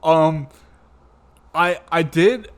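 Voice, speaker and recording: Slightly high-voiced man in casual review chat. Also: drawn-out words, clean tone. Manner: laughs often, agreeable, backchannels a lot. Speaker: podcast co-host reviewing a movie.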